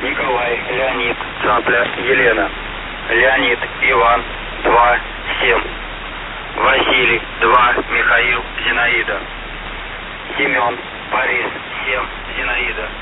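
A man reading out a coded message over a radio link, one word at a time in a slow, level, almost monotone voice. The sound is thin and tinny like a transmission, with steady hiss underneath. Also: medium pitch. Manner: flat, slow, measured dictation. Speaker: radio operator. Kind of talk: spelling out a coded message letter by letter.

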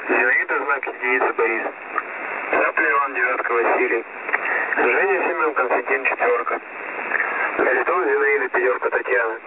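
A man's voice: mid-range voice, moderate pace. A man working as a radio operator, heard over a two-way radio, methodically reading out and repeating a code with a spelling alphabet. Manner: methodical, repeats the same sequence. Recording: tinny radio transmission with loud static.

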